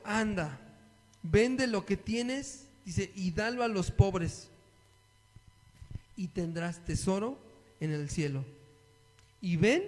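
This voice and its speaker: Man, a high voice, preaching and reading scripture, long hall reverb. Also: darkish tone. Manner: reads scripture aloud and asks the listeners questions. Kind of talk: sermon Bible study.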